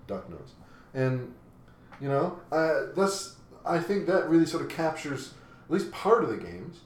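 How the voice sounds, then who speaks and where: A man's voice: fairly high pitch, lively intonation, unhurried. A man co-hosting a podcast in casual chat, rambling with many restarts and fillers. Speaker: podcast co-host. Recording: echoey room with faint noise.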